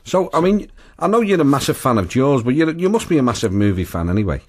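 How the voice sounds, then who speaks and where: A man's voice: medium pitch, very animated, fast talker, a little mellow, husky. A man interviewing in a casual, chatty way on radio, often tagging questions onto his statements.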